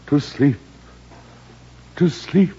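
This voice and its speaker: An actor playing a pompous, patronizing older thespian with declamatory delivery in 1950s radio comedy. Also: male voice, fairly high pitch, very slow, warm tone, slightly rough, exaggerated voice. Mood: soothing, grandiose. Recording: muffled, very noisy old radio recording.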